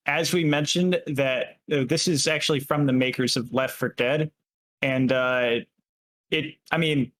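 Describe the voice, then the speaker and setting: A man's voice: mid-range voice, a bit bright. A man co-hosting a casual video game chat show, swearing often, with plenty of filler words. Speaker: podcast co-host.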